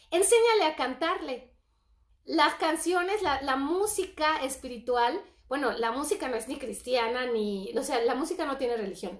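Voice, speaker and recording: A middle-aged woman giving an earnest, animated Bible-based parenting talk, reading scripture aloud. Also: high voice. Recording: echoey room.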